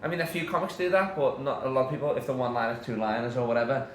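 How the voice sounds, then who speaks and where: A man's voice: mid-range voice, rapid-fire. Aussie guy hosting a pod in a comedy club, keeps restarting, swears a lot, roomy sound. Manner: excitable, stammering restarts, swears freely. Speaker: podcast host. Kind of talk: casual chat. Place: comedy club after a show. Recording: echoey room with faint noise.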